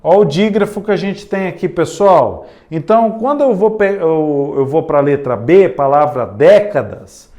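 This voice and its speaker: A man with a Brazilian Portuguese accent teaching an exam-prep grammar lesson, often turning to the class and saying words slowly, syllable by syllable. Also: fairly high pitch, expressive, dark tone.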